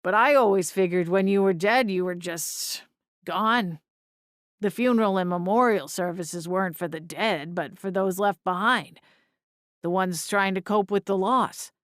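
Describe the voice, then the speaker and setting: A woman voicing a forlorn, bewildered man's ghost with halting delivery in an audiobook. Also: medium pitch, dry recording, clean studio sound, lightly acted. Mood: bewildered, subdued. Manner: hesitant, halting. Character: bewildered, forlorn male ghost of a funeral worker. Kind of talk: audiobook character voice.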